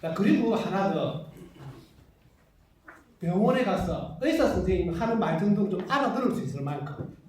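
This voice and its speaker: Heard distantly across a very echoey lecture room with no working microphone and slight background noise, a Gyeongsang-accented man delivers an unscripted health talk to a live class. His high, darkish voice has lively intonation, normal speed and long pauses. Chatty, he checks the class agrees and laughs a lot.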